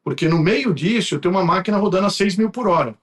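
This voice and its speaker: A man's voice: high voice, lively intonation, fast. A man with a Brazilian accent, an interview guest explaining things in conversation. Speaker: guest from a printing company.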